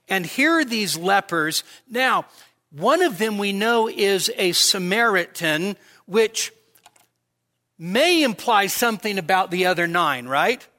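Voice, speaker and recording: A man's voice: high-pitched, bright, forceful tone. A man preaching a sermon in a conversational way, often asking his listeners rhetorical questions. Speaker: pastor.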